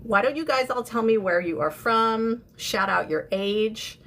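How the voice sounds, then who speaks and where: Her voice sits on the high side, measured in pace and fairly bright. She's a livestream host in her fifties, UK-born and San Francisco-based, with an American accent, making casual, informal beauty chit-chat with viewers. The clear recording carries background noise and room ambience.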